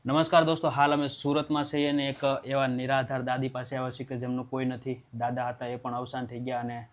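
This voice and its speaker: A man hosting a charity video, introducing the case and gently consoling and questioning an old woman. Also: mid-range voice, flat delivery, brisk. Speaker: charity host. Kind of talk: charity appeal and interview.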